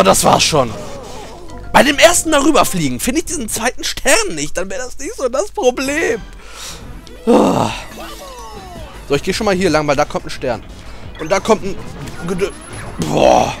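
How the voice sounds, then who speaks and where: A man with a high-pitched, creaky voice does let's play commentary, getting emotional and excitable as he plays. He cheers, swears, and shouts at the game.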